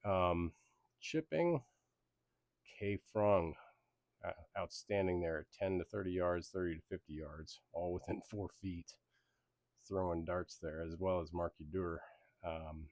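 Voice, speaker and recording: Raised in Belgium and Germany, this man hosts a relaxed sports league recap, meandering along with plenty of ums in a deep, darkish voice recorded without any room sound.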